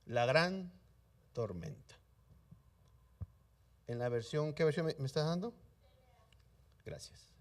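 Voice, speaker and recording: A male pastor preaching to his church in a fairly high voice with a very lively, wide-ranging pitch. He swings from loud, emphatic lines to hushed, almost murmured ones. He keeps asking the congregation questions and answering them himself, heard from a distant mic in the sanctuary. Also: slow pace, long pauses. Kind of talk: sermon.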